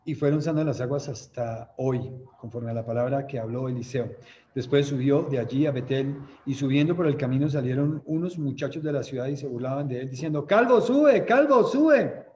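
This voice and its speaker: The speaker, a man with a Colombian Spanish accent, talks briskly in a steady, warm, medium-pitched voice. He reads scripture at a youth Bible study, explains it in a questioning, conversational way, checks in with listeners, and mimics laughter when retelling stories. The sound is dull, with a little hiss or hum.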